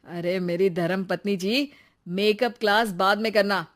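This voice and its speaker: A performer voicing a young husband and son, an eager shopkeeper in a cartoon story, who talks in an excited way. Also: mid-range voice, a little slow, lightly acted.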